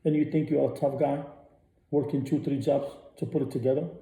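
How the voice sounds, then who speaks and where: A man's voice: medium pitch, steady tone, brisk, creaky, warm tone. Profane ranting man, echoey room. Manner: blunt, profane, repeats himself. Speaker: radio host. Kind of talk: ranting monologue.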